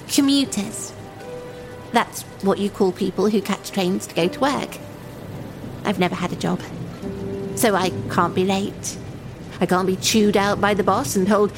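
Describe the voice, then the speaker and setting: A woman's voice: mid-range voice, close to an everyday voice. A woman playing a lonely, timid young runaway in an audio drama monologue, speaking in simple, naive, confiding phrases. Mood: chatty, naive. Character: lonely, timid young runaway waiting for a train, childlike and wistful.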